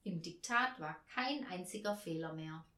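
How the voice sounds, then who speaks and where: A woman reads a storybook aloud with a very lively, rising and falling voice. She voices each character herself. The recording has a roomy echo. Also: fairly low pitch, normal speed. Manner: expressive, voicing each character. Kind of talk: storybook narration.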